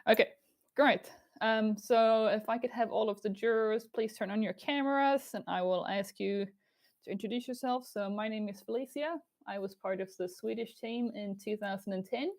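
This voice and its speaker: A woman's voice: on the high side, moderate pace. A woman chairing an online event in a semi-formal way, speaking over a video call. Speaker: chair and host.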